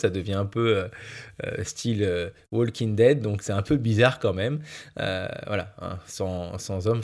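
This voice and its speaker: A man's voice: on the low side, a little mellow. A man, a primary school teacher, hosting his own podcast in casual solo chat, hesitating often with fillers and restarts.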